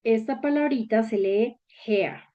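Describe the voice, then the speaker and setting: A woman teaches a language lesson at a very slow, deliberate pace, with patient explanations and frequent quick questions to her viewers. Her voice sits at a middle pitch, and the recording sounds a little dull and lo-fi. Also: mellow. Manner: patient, checks in with short questions. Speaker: German teacher.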